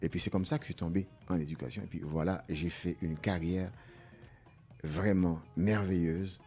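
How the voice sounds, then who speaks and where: A man's voice: deep voice, steady tone, normal speed, dark tone, slightly rough, soft background music. An older man born in Haiti, telling his life story as a guest in a radio interview, reflective and hesitant at times.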